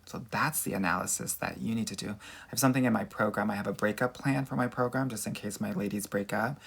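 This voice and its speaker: A man's voice: fairly low pitch, quick pace, gravelly, a bit bright, slightly rough. A man with a Southern California Valley Girl accent, giving casual dating advice on a livestream in a sassy, girlfriend-to-girlfriend manner. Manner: sassy girlfriend-to-girlfriend talk, peppered with "girl" and "honey". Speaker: dating coach and livestream host.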